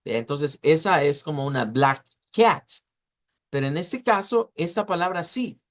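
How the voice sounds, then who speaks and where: Man teaching pronunciation, repeating words. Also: fairly high pitch. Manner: explanatory, repeats words slowly to model sounds. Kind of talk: online class lecture.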